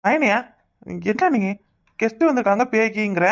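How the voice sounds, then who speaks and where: A woman's voice: a little high, lively intonation, normal speed, close to an everyday voice. A woman voicing a sheepish young village man in a cartoon, speaking with a Kanyakumari Tamil accent and coaxing, pleading calls. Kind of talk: cartoon voice acting.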